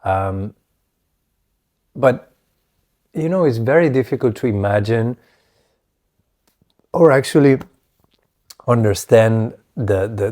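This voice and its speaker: A man, hosting a solo podcast, talking reflectively with many restarts, his voice a little hoarse as it recovers. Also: on the low side, mellow. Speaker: podcast host.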